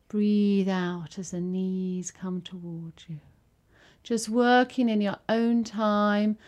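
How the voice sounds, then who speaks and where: Very slow, soft-spoken yoga teacher woman. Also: medium pitch. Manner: soft, slow, soothing instructions with long pauses. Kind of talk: guided yoga and relaxation.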